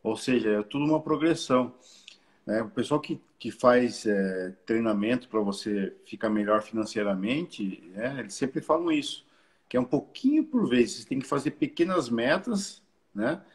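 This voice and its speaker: A man with a middle-pitched voice talks casually to a spiritist study group. He keeps tacking short tag questions onto his phrases and acts out the people he quotes. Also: expressive, normal speed. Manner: conversational, keeps ending phrases with "né?", quotes people in little acted bits.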